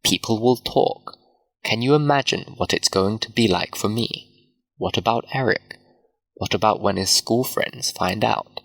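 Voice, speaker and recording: A man voicing a stern, cold middle-aged father who lectures his daughter, in a slow read-aloud manner. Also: on the low side, gravelly, a bit bright, breathy edge, exaggerated voice, poor audio.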